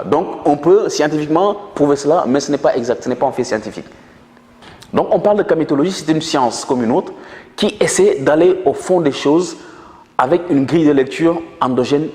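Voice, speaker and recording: A man whose first language is Manjak appears as an interview guest, explaining ideas in an earnest, lecturing tone with frequent hesitations. His voice is medium-pitched and a little mellow, recorded in an echoey room with a long reverb tail.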